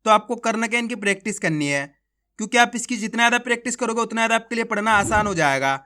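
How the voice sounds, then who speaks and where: A man teaching beginners to read, sounding out words slowly and repeating each one, then explaining the steps in a chatty voice. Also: high voice, animated, bright, forceful tone. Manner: slow, drawn-out word-by-word reading drills. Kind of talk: Hindi reading lesson.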